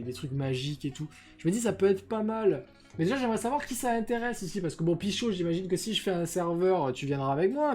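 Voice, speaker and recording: This young male streamer has a voice that sits high and sounds a little mellow. He rambles casually on his live stream, hesitating a lot and using crude slang, all through a desk microphone with noise filters.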